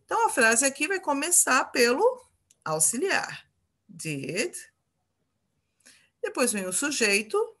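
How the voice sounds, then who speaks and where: A woman's voice: sits high, sing-song, slow, long pauses, a bit bright. A Brazilian woman teaching an English grammar lesson, patiently repeating example phrases and checking in with her students.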